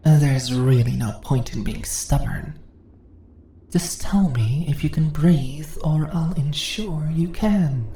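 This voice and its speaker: Voicing a predatory spider woman for fantasy ASMR, she speaks in a low, dark-toned, breathy voice with some creak, extremely slow and often dropping to whispers. She's mocking and commanding, seductive and in control, teasing with drawn-out, condescending questions. Roomy echo and faint background noise come from the space.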